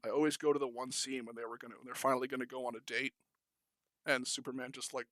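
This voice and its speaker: A man's voice: medium pitch, flat delivery, fast, a bit bright, dry recording. A young man co-hosting a podcast, talking casually and enthusiastically about films, rambling with many fillers and restarts. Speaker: podcast co-host. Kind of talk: casual film discussion.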